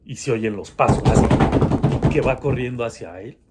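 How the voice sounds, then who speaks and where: A man's voice: medium pitch, moderate pace, very noisy. A man telling a personal horror story in a casual, hesitant way, with many restarts.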